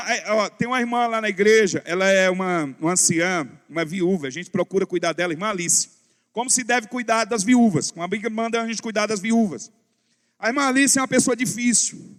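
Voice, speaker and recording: A male pastor with a high voice gives a lively story-filled sermon, acting out the dialogue as he goes. His voice rings through a large church hall with a long reverb. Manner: animated, acts out dialogue.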